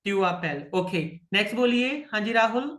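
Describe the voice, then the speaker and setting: A man's voice: high-pitched, a little fast, fairly bright tone, roomy sound. A man with an Indian accent teaching French to students, patiently repeating words and checking that they follow. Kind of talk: online French lesson.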